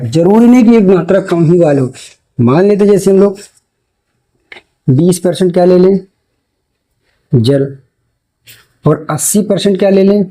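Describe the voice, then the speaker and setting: High-voiced man teaching chemistry. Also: warm tone, rough recording. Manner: asks questions and answers them himself; repeats key terms slowly. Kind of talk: classroom lecture for board exam.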